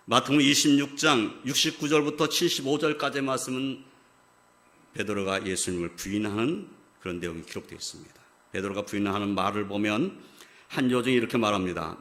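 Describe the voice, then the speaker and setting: A man's voice: lowish voice, fairly bright tone. A man preaching a Sunday sermon as pastor, explaining a scripture passage and pressing key points with emphatic stress. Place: church sanctuary.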